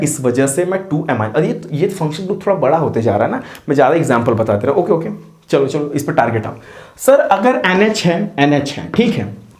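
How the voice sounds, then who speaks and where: A man's voice: fairly high pitch, a little mellow. A man teaching chemistry in a chatty, playful way, asking his students questions and answering for them in their voice. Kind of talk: chatty classroom explanation. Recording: roomy echo.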